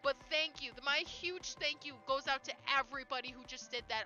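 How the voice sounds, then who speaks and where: A woman live streamer chatting excitedly at home, squealing, laughing and swearing as she thanks her viewers. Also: sits high, rough recording.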